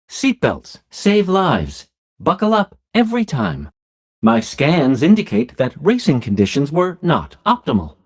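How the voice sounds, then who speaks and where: An actor voicing a calm male healthcare robot in a video game, speaking in a soft, even robot voice with polite, clinical phrasing. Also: fairly high pitch, heavily acted.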